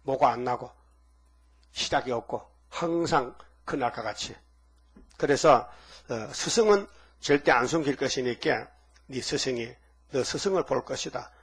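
Older guy preaching, husky voice, folksy and chatty, lots of "huh?" questions to the crowd. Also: mid-range voice, unhurried, long pauses. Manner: folksy, colloquial preaching with rhetorical questions and acted-out quotes. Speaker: pastor. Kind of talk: sermon.

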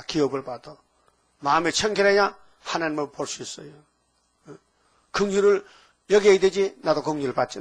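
Speaking in a somewhat raised voice, an older male pastor preaches a sermon packed with rhetorical questions aimed at his listeners. He alternates between low mutters and sudden loud, emphatic bursts.

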